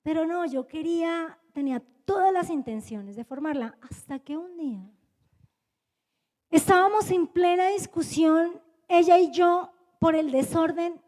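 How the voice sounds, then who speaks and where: A woman's voice: very high-pitched, measured pace, in a large hall. A middle-aged woman pastor, preaching a sermon and telling a personal story, acting out dialogue in shifting voices. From Colombia. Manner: animated, acts out dialogue with changing voices. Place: church.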